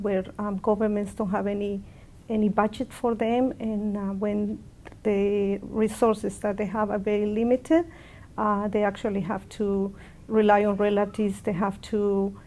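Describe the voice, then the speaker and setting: Woman from El Salvador, mellow tone, earnest hesitant testimony. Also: mid-range voice, poor audio. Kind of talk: personal testimony.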